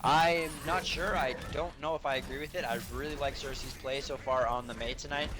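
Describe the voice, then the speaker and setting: Male color commentator, quick analytical delivery, voice going hoarse. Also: mid-range voice, steady tone, a loud crowd. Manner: explanatory, measured analysis with hesitant fillers. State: losing his voice. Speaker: esports analyst.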